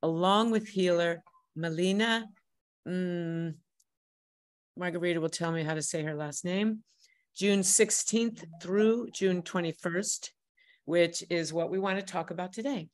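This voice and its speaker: A woman's voice: lowish voice, a little slow. A woman hosting an interview, enthusiastic and encouraging toward her guest. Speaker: host, workshop leader. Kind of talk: podcast interview.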